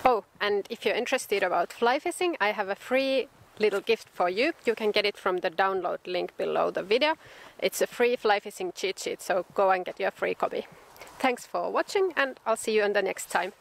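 A woman's voice: medium pitch, normal speed, vocal fry, low-quality recording. A young woman vlogging about fly fishing beside a mountain river, talking casually into a handheld camera. She sounds enthusiastic and often repeats her words. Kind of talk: casual outdoor vlog talk. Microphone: handheld camera close to her face. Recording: outdoor wind noise, background music.

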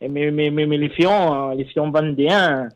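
A man's voice: a little high, normal speed. A man with a Marseille accent, a pastry chef on the phone, who stammers, repeats words and sounds incredulous. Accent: Marseille, southern French. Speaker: pastry chef taking a prank call. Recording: muffled phone line.

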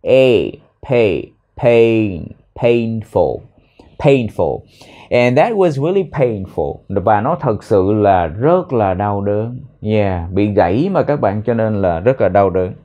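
A man with a Vietnamese accent teaching an English lesson, repeating words slowly to drill pronunciation. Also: fairly low pitch, animated, mellow, muffled recording. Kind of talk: language lesson explaining phrases.

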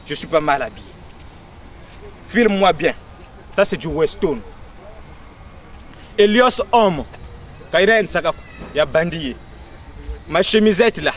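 A man's voice: on the high side, lively intonation, takes it slowly, long pauses, fairly bright tone. A man, lecturing proudly in street banter outdoors in a city street. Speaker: sapeur.

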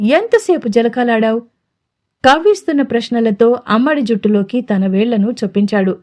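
A woman storyteller narrating a romantic audio story in a smooth, measured way. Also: a little high, a little mellow.

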